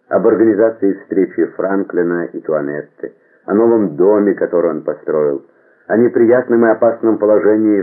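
A man reading a novel aloud as an audiobook narrator, in a measured, expressive way. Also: low voice, breathy edge. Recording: tinny phone-like band.

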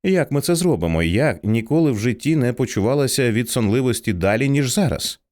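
A man's voice: mid-range voice, expressive, a little fast, darkish tone, close to an everyday voice. A man reading an audiobook voices a frightened young woman in an anxious, pleading way.

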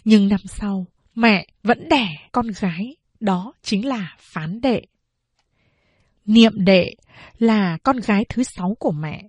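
A woman narrating a novel as an audiobook, in a slow, measured storytelling manner. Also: medium pitch, a little mellow, no room sound.

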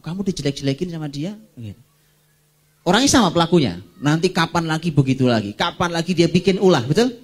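A middle-aged man preaching a religious lecture, animated, asking rhetorical questions and addressing his listeners directly. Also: fairly high pitch. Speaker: Islamic preacher.

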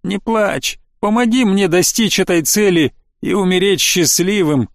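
A man's voice: sits high, unhurried, no echo, clean studio sound. A man reading a resolute old professor. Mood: tender. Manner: tender, resolute. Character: old male professor, calm and self-sacrificing. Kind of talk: audiobook reading.

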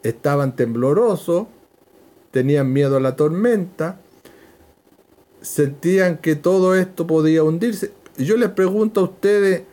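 A man teaching a verse-by-verse Bible lesson, slow and emphatic, repeating key phrases. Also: fairly high pitch, dark tone.

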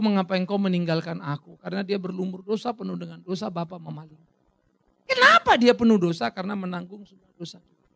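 A man preaching a sermon as pastor, animated and dramatic, asking the crowd questions and acting out little dialogues. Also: high-pitched, creaky, dry recording.

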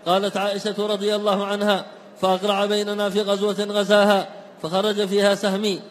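A man reading classical text aloud in a steady, chanting recitation for a class. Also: sits high, fast talker. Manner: even, chanting recitation of chains of narrators. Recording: long hall reverb.

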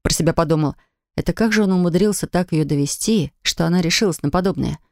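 A woman narrating an audiobook in a measured, even storytelling manner, recorded in a studio. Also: lowish voice, no room sound.

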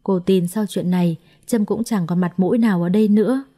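A woman narrating a story in a steady, expressive way. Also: mid-range voice, brisk. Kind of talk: scripted narration.

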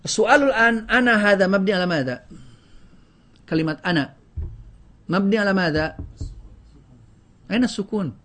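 A man's voice: high voice, a little fast, long pauses, fairly bright tone. A man teaching a grammar lesson to a class, drilling word lists and quizzing students with questions. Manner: often breaks off and restarts words.

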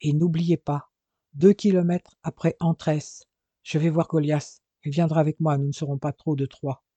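A man's voice: a little high, flat delivery, normal speed, dark tone, no room sound, close to an everyday voice. A man reading a storybook who plays a furious, scheming adventurer urging on his accomplice. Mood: commanding. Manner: urgent, growling.

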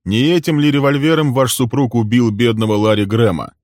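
A man voicing a calm, cold man with a dark secret, speaking slowly and evenly. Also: deep voice, dry recording, studio quality.

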